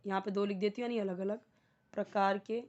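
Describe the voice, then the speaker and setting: A woman's voice: mid-range voice, steady tone, fairly quick, darkish tone, lo-fi sound. A woman teaching spoken English grammar, explaining each word and phrase step by step, with frequent repetition and questions to viewers. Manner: explains word by word, repeats terms, asks viewers to comment.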